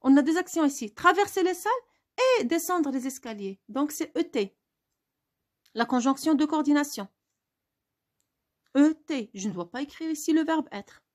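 A woman's voice: sits high, animated, moderate pace, long pauses, mellow. A woman teaching a spelling lesson, spelling words out letter by letter and asking questions she answers herself.

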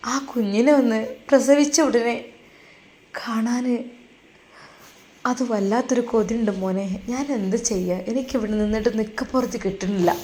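A woman's voice: medium pitch, lightly acted. A woman voicing a tearful, pleading older mother. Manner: soft, pleading, near tears.

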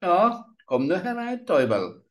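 A sly, cruel old forest witch with a coaxing, cackling tone, pitched up high, as a male storyteller puts her on. She sounds falsely sweet and sinister, like a storybook hag. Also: wildly swooping pitch, unhurried, full character voice.

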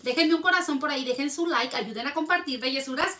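A woman's voice: high voice, quick pace, pushed and bright. A woman with a Mexican accent, chatting casually to viewers while selling handbags and often talking in circles. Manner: chatty, rambling, addresses viewers directly. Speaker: online bag seller. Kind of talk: casual sales live stream. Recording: echoey room, mic at a distance.

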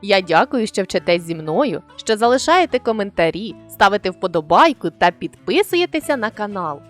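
A woman's voice: medium pitch, sing-song, faint music behind. A woman teacher giving a children's language lesson, sounding out words syllable by syllable. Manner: slow, syllable-by-syllable dictation.

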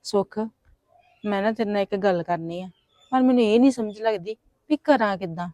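A woman's voice: mid-range voice, a little fast, a little mellow, no echo, lightly acted. A woman in her late twenties playing a hesitant elder daughter who confides in a friend. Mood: confiding. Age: 20s. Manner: hesitant, pleading. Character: shy 29-year-old woman confiding a crush. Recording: dry, dull lo-fi sound.

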